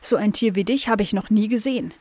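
A woman's voice: medium pitch, fast, a little mellow, no room sound, natural voice. A woman voicing a curious, friendly young female dog who talks eagerly in a children's story. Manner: eager, pleading.

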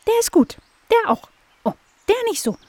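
A woman voicing a chirpy little female blackbird in a children's audio story, squeaky and excitable. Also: normal speed, dry recording.

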